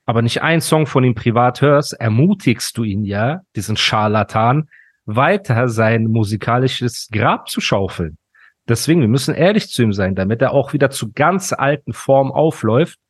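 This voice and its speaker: A man's voice: medium pitch, no room sound. Dry, mock-serious male podcast host. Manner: mock-serious, ironic ranting. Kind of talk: casual podcast chat.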